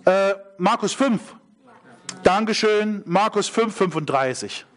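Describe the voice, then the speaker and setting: A man's voice: high voice, lively intonation, takes it slowly. A middle-aged man preaching a sermon, emphatic, repeating key phrases and asking the congregation questions.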